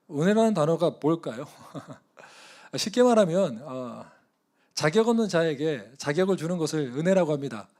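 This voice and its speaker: A man preaching at a church service, in a conversational, animated storytelling style. His voice sits somewhat high for a man, and it swings between soft, low asides and louder, excited moments. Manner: animated, conversational, often chuckling. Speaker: guest missionary preacher. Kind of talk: sermon with personal storytelling.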